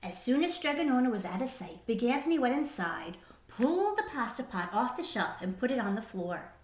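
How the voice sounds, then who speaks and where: Casting: female storybook reader, lively and expressive, higher-pitched, recorded in a roomy echoey space. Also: fairly quick. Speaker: teacher reading a picture book aloud. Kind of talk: expressive children's story narration.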